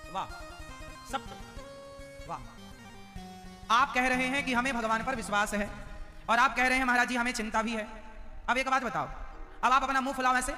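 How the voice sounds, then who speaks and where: A man's voice: extremely high pitch, sharp tone, big-room sound. A man preaching a devotional sermon, teasing and questioning his audience and chanting verses.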